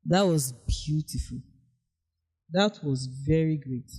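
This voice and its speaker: A man with a husky voice, giving a formal, deliberate, elocutionary critique as a contest judge. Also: fairly high pitch, a little mellow.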